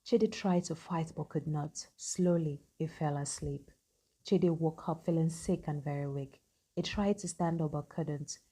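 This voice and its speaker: A woman narrating a scripted story in an even, matter-of-fact way. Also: sits low, moderate pace.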